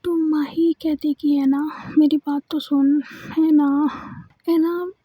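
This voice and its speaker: A woman's voice: high-pitched, flat delivery, slow, dry recording. A woman telling a story casually, stringing it together with a constant verbal filler. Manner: repeats the filler "is it not" constantly. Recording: dull lo-fi recording.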